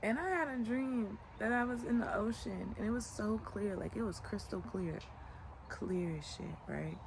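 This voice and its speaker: Speaking in a mid-range voice at normal speed, a vlogger in her late 20s chats casually outdoors on a sunny morning in the country. She's relaxed and reflective, wandering off with many "like" fillers, with background noise and clear outdoor ambience behind her.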